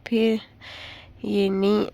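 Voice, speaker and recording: A woman's voice: mid-range voice, flat delivery, very slow, gravelly, dark tone, no echo. A young woman narrating her day for her vlog in a chatty, rambling way, laughing now and then. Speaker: vlogger.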